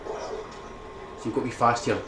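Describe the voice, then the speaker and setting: Man explaining a speedrun in an echoey room. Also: a little slow. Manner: explanatory, keeps checking in with "right?". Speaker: speedrun guide maker. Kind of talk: game tutorial commentary. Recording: echoey room with background noise.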